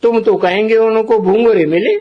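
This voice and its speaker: A man giving a slow spiritual discourse as a teacher, deliberate and posing rhetorical questions to his listeners. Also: high-pitched, steady tone. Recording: dull lo-fi recording.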